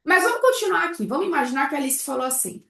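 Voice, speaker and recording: A woman teaching a live online class, keeping up a lively run of rhetorical questions to her students. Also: high voice, rapid-fire, gravelly, reverberant. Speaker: baking business instructor.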